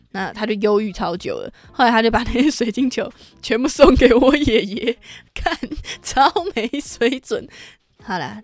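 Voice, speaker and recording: A woman's voice: mid-range voice, gravelly. A woman hosting an unscripted solo podcast, talking bluntly and swearing freely and casually. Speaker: podcast host. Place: at home, rain on an awning outside.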